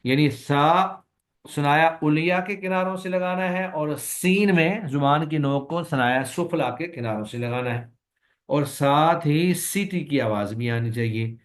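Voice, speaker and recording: A man who teaches Quran recitation, giving a recorded lecture and explaining slowly and patiently, with long drawn-out sample sounds and a Pakistani Urdu accent. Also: on the high side. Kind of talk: recorded lecture on letter pronunciation.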